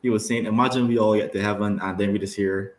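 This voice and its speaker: A man co-hosting a youth talk show, telling stories in an animated way and laughing at them. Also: lowish voice, fast. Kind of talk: casual panel chat. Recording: roomy echo with faint noise.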